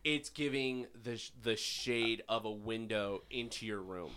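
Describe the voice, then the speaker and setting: A man in his twenties co-hosting a casual chat at home, animated and profane, full of "like" fillers, into a big microphone. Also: fairly low pitch, a little slow, clean tone. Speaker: podcast co-host. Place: home bedroom. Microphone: large studio-style microphone.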